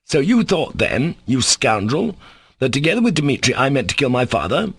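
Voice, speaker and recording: An imperious young nobleman in a fury, as a male reader puts him on. He shouts his demands with a raised, strained pitch, louder than the narration around it, through a husky voice. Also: very animated, moderate pace, no echo, exaggerated voice. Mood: furious. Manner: shouting, peremptory.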